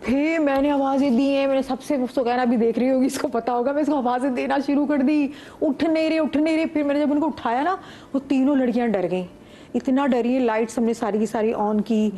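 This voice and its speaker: A middle-aged woman, a guest on a morning talk show, telling a story of a frightening experience in an animated, vivid way. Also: high voice, a little fast, slight background noise. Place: TV studio set.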